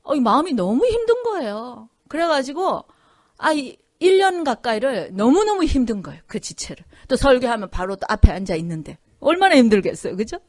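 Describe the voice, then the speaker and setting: A woman's voice: sits high, very animated, brisk, darkish tone, no echo, clean studio sound. A woman pastor giving a conversational Korean sermon, often checking in with the congregation and acting out the voices in her story. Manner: conversational preaching with frequent "그죠?" and "예?" asides. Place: church sanctuary.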